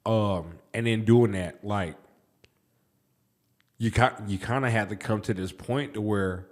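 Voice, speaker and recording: A man hosting a podcast, asking easygoing, halting questions in a casual chat. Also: fairly low pitch, darkish tone. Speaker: podcast host.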